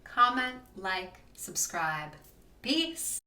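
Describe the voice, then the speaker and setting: A woman's voice: mid-range voice, sing-song, drawn-out words, sharp tone, echoey room, recorded from a distance. A woman hosting a video essay, narrating casually with wry, joking asides.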